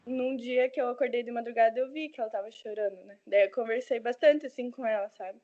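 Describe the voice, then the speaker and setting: A woman's voice: fairly high pitch, fairly even intonation, fast talker, dark tone. Rambling young woman on a dull call. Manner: rambling, many fillers like "assim, sabe". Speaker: student. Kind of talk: student telling a story in class. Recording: dull lo-fi online call audio.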